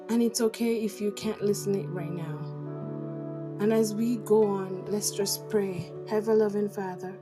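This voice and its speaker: A woman with a medium-pitched voice hosts a podcast interview, starting with a slow, earnest welcome and a spoken prayer before moving on to quick, eager questions.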